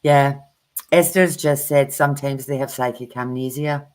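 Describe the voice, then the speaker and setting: A woman's voice: a bass voice, steady tone, normal speed. Blunt, chatty woman. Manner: chatty anecdotal storyteller, blunt. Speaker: tarot reader co-hosting a livestream. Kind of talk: casual livestream chat.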